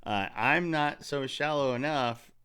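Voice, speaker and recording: A man's voice: mid-range voice, measured pace, a bit bright, slight background noise. A man hosting a comedy podcast, telling a rambling, profane story in a loose, casual way. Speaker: podcast host.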